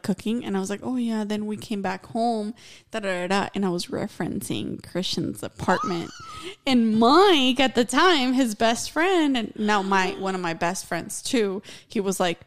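A woman co-hosting a podcast, telling stories in a casual, slangy way with some mild swearing. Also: medium pitch. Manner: informal, slangy, uses mild profanity. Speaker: podcast co-host. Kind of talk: casual chat, storytelling.

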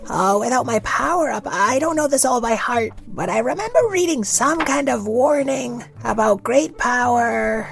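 A woman's voice: a little high, animated, moderate pace, creaky, few pauses. A woman voicing a brainy, literal-minded, put-upon boy in a children's story, with a pedantic, wordy delivery. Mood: sulky.

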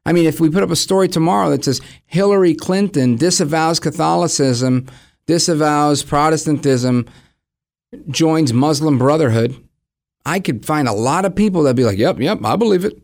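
A man's voice: a little high, normal speed, gravelly, darkish tone. A man gives opinionated, conversational commentary as a program host, acting out imagined dialogue and posing rhetorical questions. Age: 40s.

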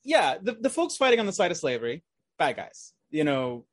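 A man's voice: on the high side, very animated, fairly quick, no echo, clean studio sound. A man who was raised partly in America and partly overseas, talking as a guest in a casual interview. He rambles, restarts his sentences often and swears freely.

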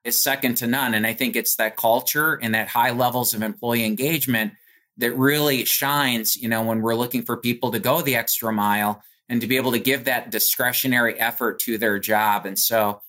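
An American man, talking as a company executive in an interview, answers conversationally in polished corporate language sprinkled with "you know." His medium-pitched voice is steady, bright and forceful, and he speaks at a moderate pace.

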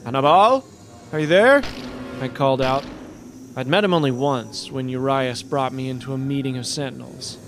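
A man narrating a dramatic fantasy story in a measured storytelling manner, over music. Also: medium pitch, fairly even intonation.

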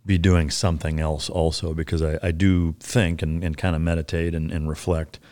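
A man with a very deep voice hosts a podcast in a laid-back, blunt way, full of fillers. His voice sounds dry and close, with almost no room around it. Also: level tone, normal speed, darkish tone, no echo. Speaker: podcast host. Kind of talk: casual interview chat.

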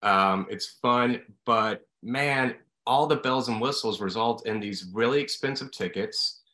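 A man speaks casually, with a bright, forceful voice at a middle pitch. The recording is roomy, with clear echo around his words. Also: measured pace. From upstate New York. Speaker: guest, former hockey player. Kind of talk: casual chat. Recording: echoey, roomy sound.

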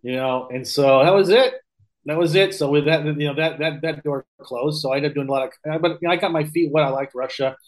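A fairly high-pitched, fairly quick voice belongs to a Missouri man in his fifties with an American accent. As a podcast guest and real estate investor, he gives casual, anecdotal interview talk, rambling and often correcting himself.

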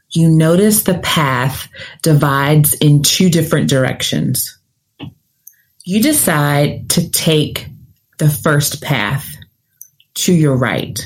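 Female, low voice, very unhurried; soothing sleep-story style guided meditation. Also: low-quality recording. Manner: calm, soothing, deliberate with long pauses. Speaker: podcast host and career coach.

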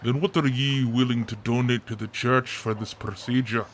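A man voicing an angry, muscular dwarf cleric with a gruff, blunt manner in a tabletop game. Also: medium pitch, fairly even intonation, moderate pace, a little hiss or hum, close to an everyday voice. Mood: gruff, demanding. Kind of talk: tabletop role-play.

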